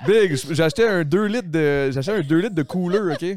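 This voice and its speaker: A man's voice: a little high, animated, fast, a crowd in the background. A man with a Quebec French accent hosting a podcast, telling rambling anecdotes full of slang and swearing. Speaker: podcast host. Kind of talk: casual podcast chat.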